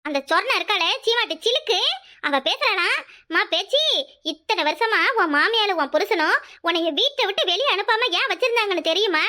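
A woman's voice: extremely high pitch, pushed and bright, exaggerated voice. A woman voicing an aggrieved village mother. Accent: Kanyakumari Tamil. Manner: complaining, theatrical. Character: aggrieved older village mother, bitter and scolding. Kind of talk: animated cartoon comedy dialogue.

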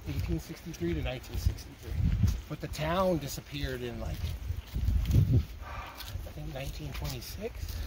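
Man, slightly high pitch, casual trail guide, short repeated phrases, outdoor recording, clear background noise. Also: measured pace, long pauses. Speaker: hiking guide explaining local mining history. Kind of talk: casual outdoor chat while walking.

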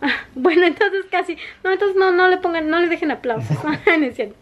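A woman, chatting giggly and lively to her camera in a home family vlog, acting out what others said. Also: very high-pitched, fairly quick, highs cut off. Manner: chatty and giggly, acts out quotes. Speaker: vlogger. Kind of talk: casual family vlog chat. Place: home in the United States. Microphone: handheld camera.

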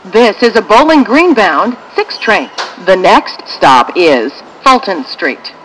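A woman with an American accent reads scripted train station announcements in measured, formulaic phrases. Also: mid-range voice, big pitch swings, a bit bright, a little hiss or hum, poor audio.

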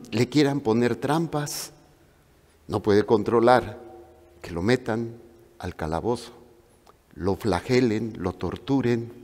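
A man preaching a sermon with a Mexican Spanish accent, telling stories in an animated way and acting out the voices of the people in them. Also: mid-range voice. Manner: animated storytelling with acted-out voices. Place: church hall. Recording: long reverb of a large hall.

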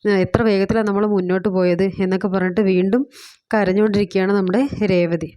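A woman's voice: mid-range voice, steady tone, fast talker, dark tone. A woman chattily retelling a TV serial episode, quoting the characters as she goes. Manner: chatty, fillers like "kettō", quotes characters inline. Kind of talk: casual spoken recap of a TV serial.

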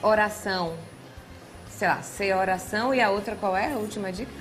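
Uma mulher brasileira participando de um programa de auditório, nervosa, pensando em voz alta rápido nas respostas. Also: female voice, mid-range voice, faint music behind. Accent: Brazilian Portuguese. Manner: nervous, thinks aloud quickly. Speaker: game show contestant. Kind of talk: live TV game show answers. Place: TV studio.

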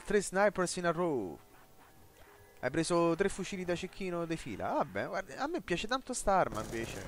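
Jokey man yelping over gameplay. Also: a little hiss or hum. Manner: jokey, talks to the game and viewers, bursts into high yelps. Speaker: gaming let's player. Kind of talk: excited gameplay commentary.

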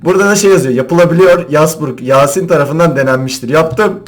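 A young man doing casual gaming commentary, excitable, often laughing and shouting as he plays. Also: a little high, a little fast. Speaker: gaming YouTuber. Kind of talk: casual Minecraft parkour commentary.

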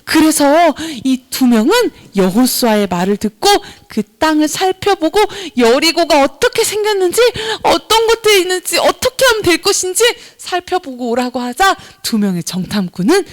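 Animated woman telling a Bible story to kids. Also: high voice, normal speed, hardly any pauses. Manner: animated, addresses kids directly, acts out voices. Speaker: children's ministry teacher. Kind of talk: children's sermon storytelling.

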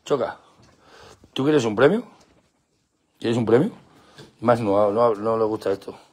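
A man hosting a casual live stream with his dogs outdoors at night, talking into a handheld phone and calling to the dogs in a playful, coaxing way. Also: a little slow. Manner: coaxing, playful, breaks into high excited calls to the dogs. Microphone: phone held in hand.

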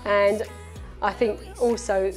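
A woman's voice: mid-range voice, level tone, faint music behind. Middle-aged bride's mother toasting. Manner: warm, halting speech with fillers. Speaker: mother of the bride giving a speech. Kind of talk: wedding speech. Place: brick-walled barn reception hall. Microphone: handheld microphone.

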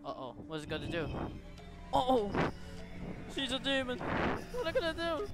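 A female gaming streamer with a high voice and big pitch swings delivers dramatic, reactive let's play commentary at a normal speed. She often repeats phrases and reads game text aloud, with music behind her.

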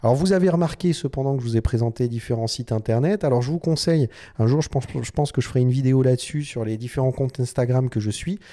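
A man's voice: mid-range voice, quick pace, few pauses, mellow. A man hosting a design video, explaining casually to the camera with many fillers and restarts.

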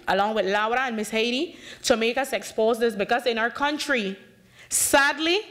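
A woman in her thirties from Honduras's Bay Islands, speaking with a Bay Islands English accent, delivers an impassioned talk at a conference podium as a panel speaker and community activist. Passionate and emphatic, she gestures widely and acts out conversations; her voice is a little high and fairly bright, heard through a podium microphone.

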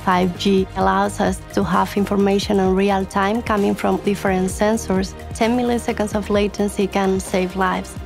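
A woman's voice: mid-range voice, little pitch movement, normal speed, vocal fry, hardly any pauses. A woman executive speaking steadily in a corporate promo interview. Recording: promo video with music bed.

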